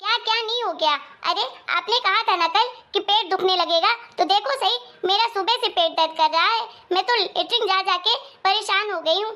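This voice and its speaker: A sharp-tongued young married daughter scolds and complains at length, played by a woman. Her voice sits very high and sounds bright and forceful. It is a cartoon moral story. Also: normal speed, few pauses. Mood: scolding. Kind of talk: Hindi moral story voice acting.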